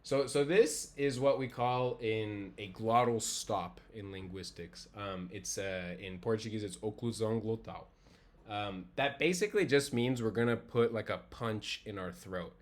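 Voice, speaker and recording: Male teacher, lowish voice, relaxed online lecture, slows down to model each word. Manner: casual, demonstrates pronunciation by repeating words slowly. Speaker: language teacher.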